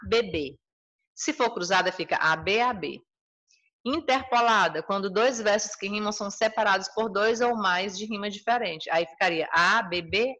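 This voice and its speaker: A woman's voice: mid-range voice, bright, forceful tone. A woman with a Brazilian Portuguese accent teaching a recorded school lesson, explaining patiently and restating each point. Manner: explanatory, repeats and rephrases points.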